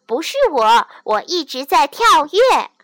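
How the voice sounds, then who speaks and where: Woman doing a sharp, bouncy kangaroo. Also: high-pitched, big pitch swings, unhurried, dry recording, exaggerated voice. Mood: indignant. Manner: sharp, indignant. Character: bouncy, quick-tempered kangaroo.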